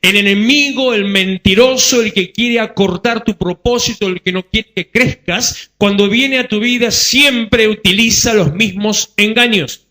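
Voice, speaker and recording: High bright-voiced Rioplatense preacher. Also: male voice, measured pace. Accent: Rioplatense Spanish. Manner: conversational, joking asides to the congregation; repeats phrases for emphasis. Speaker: pastor. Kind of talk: sermon.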